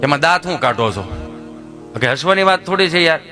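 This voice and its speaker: A man's voice: a little high, expressive, fairly quick, pushed and bright, faint music behind. A man, telling comic stories on stage and acting out each character's lines in turn. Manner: acts out both sides of his jokes, switching voices. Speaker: stand-up comedian. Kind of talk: Gujarati folk comedy storytelling.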